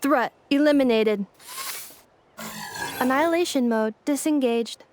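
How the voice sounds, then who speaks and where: A woman's voice: high voice, measured pace, darkish tone. A woman voicing an emotionless female combat robot in a game, making clipped, formal announcements. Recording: noisy game audio with effects.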